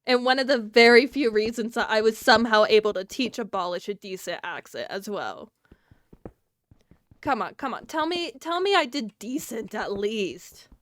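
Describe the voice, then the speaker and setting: एक दक्षिणी अमेरिकी लहजे वाली महिला, थोड़ी ऊँची आवाज़ में, लाइवस्ट्रीम पर मज़ाकिया अंदाज़ में बातें करती और बार-बार हँसती हुई।. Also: female voice, fairly high pitch, animated, moderate pace, fairly bright tone, dry recording. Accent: Southern US. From Southern United States. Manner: playful, laughs often, stumbles over words. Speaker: streamer. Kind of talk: casual livestream chat.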